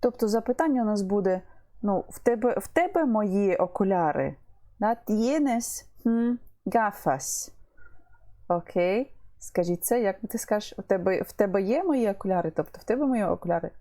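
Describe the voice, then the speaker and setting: A woman teaching an online language lesson at an unhurried pace. Her voice is mellow and mid-pitched, and she repeats words and pauses with fillers as she explains. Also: expressive.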